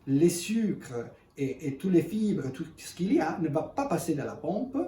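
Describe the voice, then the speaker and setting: A man in gives an unscripted product demonstration in halting, self-correcting, speech. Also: a little high, very animated, dark tone. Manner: halting non-native French with self-corrections. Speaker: ice cream machine presenter. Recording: echoey room, distant mic, faint noise.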